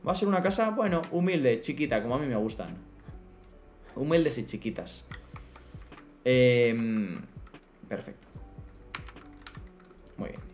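Soft music plays behind a man whose slightly high, slightly mellow voice is very animated and fairly quick. He's streaming a block-building game, chatting with viewers and talking to his horse and other pets in a relaxed, playful manner.

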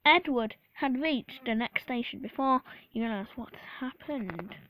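A woman reading a children's storybook aloud, halting with fillers and slips. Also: a little high, fairly bright tone, rough recording. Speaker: storybook reader. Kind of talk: reading a picture book aloud.

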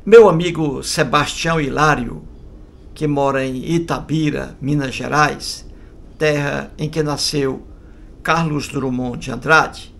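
Gravelly, rambling male joke-teller. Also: on the high side, fairly even intonation, takes it slowly, fairly bright tone, slight background noise. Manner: rambling, repetitive, folksy asides. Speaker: joke storyteller. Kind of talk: casual spoken joke.

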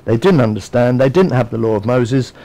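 A man's voice: medium pitch, animated, a little fast, warm tone, poor audio. Man preaching in a chatty, storytelling way. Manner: conversational, storytelling delivery with frequent asides. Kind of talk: sermon.

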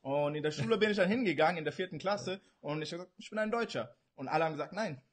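A man in his twenties from Pakistan, answering interview questions over a video call in an earnest, halting way. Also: on the high side, expressive. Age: 20s. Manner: earnest, halting, frequent fillers. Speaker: interview guest, kickboxer. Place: indoor room, video call.

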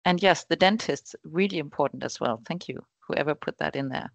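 A woman's voice: low voice, fairly quick, creaky, dry recording. A woman moderating an online meeting over a video call, speaking in an informal professional way.

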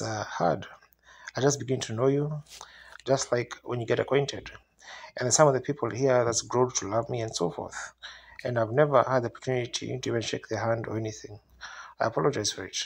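Male evangelist for revival preaching: husky, creaky voice, earnest address to the congregation. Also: mid-range voice. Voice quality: raspy, gravelly. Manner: earnest, asks listeners rhetorical questions.

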